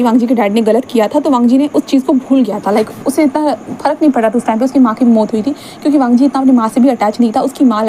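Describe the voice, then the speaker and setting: Woman storyteller, quick chatty delivery, mellow tone, acts out dialogue lightly, slight background hum. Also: a little high, rough recording. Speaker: fan fiction narrator. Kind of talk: casual storytelling narration.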